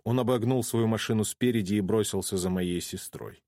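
A man giving dramatic first-person audiobook narration with an expressive, tense delivery. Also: lowish voice, fairly quick, dry recording, clean studio sound.

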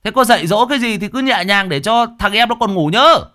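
A man voicing a cheeky, shameless drunk young man who talks in a high, brash, teasing voice. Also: lively intonation, brisk, bright, forceful tone.

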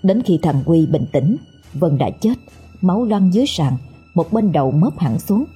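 Woman, horror story narration, grave, steady, low, husky, faint music behind. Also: moderate pace.

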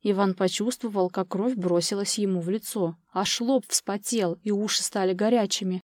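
A woman with a mid-range voice narrates a scripted audiobook in an even, measured storytelling style. The studio-quality recording is dry.

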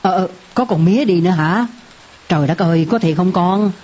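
A woman's voice: lowish voice, a little fast, mellow, breathy edge. An actress playing a worried, ailing middle-aged mother in a radio drama, full of anxious exclamations. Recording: dull lo-fi radio drama recording.

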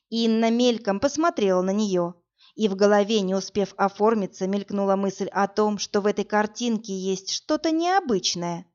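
A woman doing scripted audiobook narration in an even, measured storytelling manner. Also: medium pitch. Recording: dull lo-fi audiobook recording.

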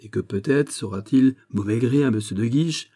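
A man reading an audiobook, voicing a haughty, sharp-tongued young princess with ironic, exasperated questions. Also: mid-range voice, normal speed, lightly acted. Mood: scornful.

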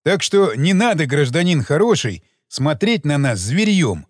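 A man doing a slow, knowing detective. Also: fairly high pitch, very animated, no echo, studio quality. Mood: measured.

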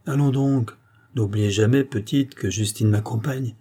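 A man voicing a cocky, brisk actor-turned-detective who gives orders jauntily. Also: mid-range voice, dark tone, husky. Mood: jaunty.

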